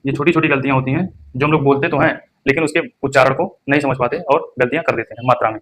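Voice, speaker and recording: A young male teacher runs an exam-prep lesson at a middle pitch. He calls out each word with a sharp stress and then repeats it slowly to drill the correct form. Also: steady tone, slight background noise. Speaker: Hindi teacher.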